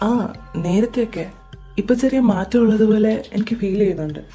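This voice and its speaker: Woman voicing a gentle protective big brother. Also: mid-range voice, fairly quick, soft background music, natural voice. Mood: reassuring. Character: caring protective young man, older brother figure. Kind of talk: fan audio drama.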